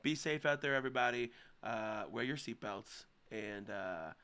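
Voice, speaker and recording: A man's voice: mid-range voice, normal speed, pushed and bright, smooth. A man co-hosting a podcast in casual banter, laid-back and laughing often, a little hungover. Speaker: podcast co-host.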